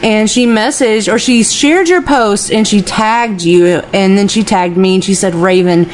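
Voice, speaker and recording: A woman's voice: medium pitch, unhurried, a little hiss or hum. Woman, hiccups, gushing, swears casually, radio co-host. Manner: gushing, apologetic. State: has the hiccups. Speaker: radio co-host and festival organizer. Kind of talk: casual chat, heavy swearing.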